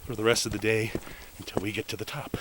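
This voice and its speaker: A man's voice: lowish voice, flat delivery, fast talker. A man hosting a hiking vlog, describing the trail in an easygoing, upbeat way as he walks outdoors. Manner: easygoing, chatty, upbeat about the scenery. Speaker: vlog host. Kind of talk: casual hiking vlog narration. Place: outdoors on a desert mountain trail. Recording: outdoor noise on a camera mic.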